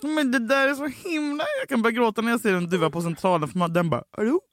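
A woman co-hosting a podcast in casual chat, teasing her partner with quick reactions. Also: a little high, dry recording. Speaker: podcast co-host.

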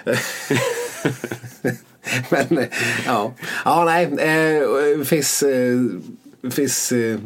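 A man's voice: medium pitch, long pauses. A man co-hosting a casual podcast chat, rambling, laughing often and swearing casually. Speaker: podcast co-host.

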